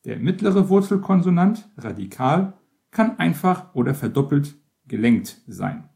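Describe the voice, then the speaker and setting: A man reading an encyclopedia-style text aloud as scripted narration, in a measured, list-like way. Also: fairly high pitch, sing-song, gravelly, a little mellow. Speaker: reader.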